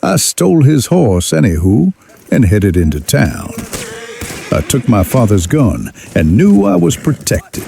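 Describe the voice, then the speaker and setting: A man playing a rueful young outlaw drifter, narrating his rough life in a wry, folksy drawl with a gravelly voice. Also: mid-range voice, huge pitch swings, unhurried, dark tone, slight background noise, full character voice. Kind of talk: scripted first-person western narration.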